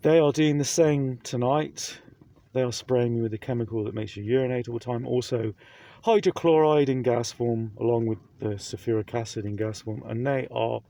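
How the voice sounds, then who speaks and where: A man's voice: medium pitch, normal speed, creaky, mellow. A man talking to camera in a rambling vlog, full of fillers and restarts, speaking through a face mask. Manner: rambling, repeats himself, many fillers. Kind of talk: casual vlog monologue.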